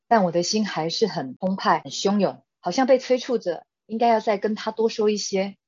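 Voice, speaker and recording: A middle-aged woman, a guest earnestly and gently reading out a heartfelt personal testimony. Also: on the low side, no echo. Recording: dull, dry lo-fi sound.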